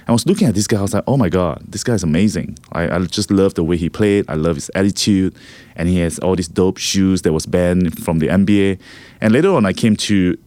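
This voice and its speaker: A man's voice: sits low, darkish tone, no room sound. A middle-aged man from Singapore, a guest on a podcast, speaking in a reflective way and repeating words as he thinks. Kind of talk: casual interview.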